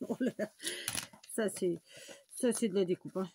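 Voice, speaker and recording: A woman's voice: mid-range voice, moderate pace, dark tone, slight background noise. A woman hosting a crafting tutorial, talking viewers through each step in a chatty way and thinking aloud as she works. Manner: chatty, thinks aloud with frequent fillers and "voilà".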